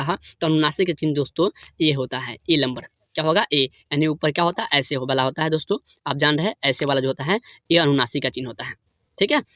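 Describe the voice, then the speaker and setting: A man leads an exam-prep lesson in a high, bright voice. He asks each question, repeats it, then repeats the answer, calling viewers his friends. The sound is dry, with no room echo. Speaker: teacher.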